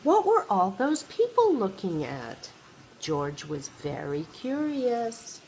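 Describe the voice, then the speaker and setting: Sweet old lady reading a kids book out loud, slow n grandma-like, really up and down voice, bit of noise. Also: medium pitch, wildly swooping pitch, low-quality recording. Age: older. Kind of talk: read-aloud children's storytelling.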